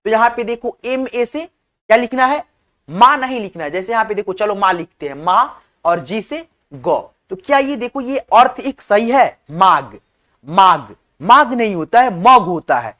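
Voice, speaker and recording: A man's voice: sits high, animated, moderate pace, a bit bright. A male teacher explaining spelling step by step to his viewers, often repeating himself and checking that they follow. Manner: repetitive, addresses viewers as friends, checks in often. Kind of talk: online class explanation.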